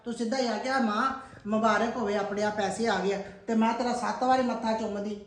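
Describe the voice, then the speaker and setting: A middle-aged woman with a Punjabi accent, scolding her son in quick-tongued family banter. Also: a little high, fairly even intonation. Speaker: vlogger's mother. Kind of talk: family prank vlog banter. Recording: echoey room.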